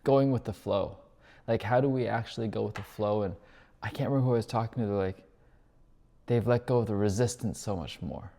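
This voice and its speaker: A man with a low, gravelly voice talks through his thoughts in a loose, introspective ramble. He catches and corrects his own words as he goes, like a spiritual coach reflecting out loud. His voice trails off into a long hall reverb. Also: brisk. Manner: introspective, thinking aloud, self-correcting. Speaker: spiritual coach and retreat host.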